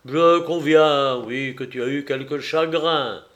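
A man reading aloud, voicing an older, gentle but excitable father who pleads loudly with his daughter. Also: mid-range voice, slow. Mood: coaxing. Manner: loud, exclamatory, imploring.

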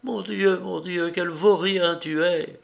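A scornful young woman from a read-aloud novel, as a male narrator puts her on. Her voice sits higher than his own and drifts soft and breathy, dragging the words out slowly. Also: fairly even intonation, heavily acted. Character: scornful young woman of the night, proud and mocking.

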